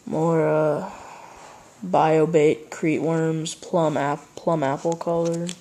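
A teenage boy who runs a fishing channel hosts a casual unboxing vlog at home on a wooden floor with a red rug, filmed on a handheld camera. He speaks in a halting, unhurried way, full of fillers as he handles each item, in a slightly high, level voice. The rough recording has slight background noise, loud crinkling of plastic packaging, plus bag crumpling and clicks.

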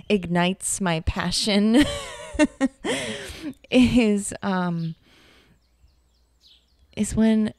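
A woman artist and teacher giving a calm, reflective talk over an art demonstration, soft and unhurried with fillers. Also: lowish voice, no echo.

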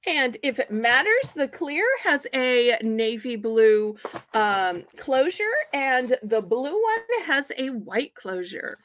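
A woman's voice: on the high side, big pitch swings, takes it slowly, a bit bright, a little hiss or hum. A woman hosting a live online auction from home, chatty and folksy as she counts out items for bidders.

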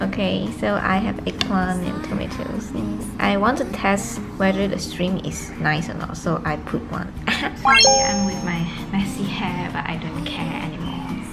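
A young woman chatting casually to camera in a vlog, laughing often, in slightly broken English. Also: mid-range voice. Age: young adult. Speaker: vlogger. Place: bedroom. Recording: loud background music.

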